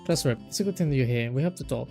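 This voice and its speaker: A man voicing a strict, bossy young female student council president in a visual novel, speaking in a sharp, scolding, deliberate way. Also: medium pitch, vocal fry, music in the background, natural voice. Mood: stern.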